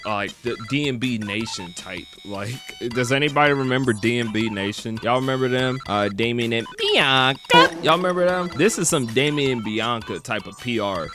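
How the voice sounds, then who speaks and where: A man's voice: medium pitch, normal speed, over music. A man hosting a reaction video, chatting casually and cursing freely as he comments on clips. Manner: loose, profane, chatty. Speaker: reaction channel host.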